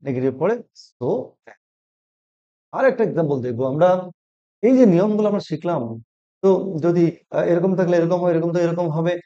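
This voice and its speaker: A man walks through a grammar lesson, explaining each step and answering his own questions. His voice sits high but has a mellow, darker tone. The recording sounds dull and muffled, like lo-fi audio. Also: brisk, long pauses. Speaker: English grammar teacher.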